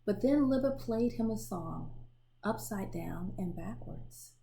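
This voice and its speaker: A woman with a medium-pitched, creaky voice reads a children's picture book aloud. She tells the story expressively and pauses to show the pictures.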